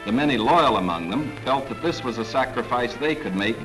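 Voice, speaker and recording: A man giving formal, measured 1940s government newsreel narration. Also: medium pitch, expressive, rough recording. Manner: formal, measured, authoritative delivery. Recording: narration over clear background music.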